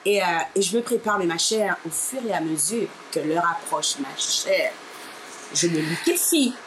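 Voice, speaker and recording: A woman's voice: on the low side, moderate pace. A woman from Martinique telling a personal story as an interview guest. She acts out the people she quotes and keeps calling the listener "my dear.". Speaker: interview guest, radio presenter. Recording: steady background noise.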